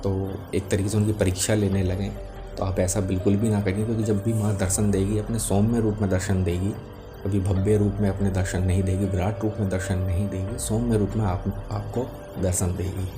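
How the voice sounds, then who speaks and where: A man speaking as a spiritual teacher, explaining devotional matters to viewers in a calm, gentle and patient way. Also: deep voice, a little fast. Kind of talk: spoken religious explainer to viewers. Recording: music behind the voice. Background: music.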